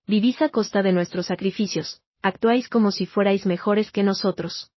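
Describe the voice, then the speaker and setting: A woman's voice: medium pitch, normal speed, dry recording, highs cut off, natural voice. Woman reading as a cold, cutting mother. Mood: contemptuous. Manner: cutting, sharp-edged. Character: cold, scheming mother demanding money.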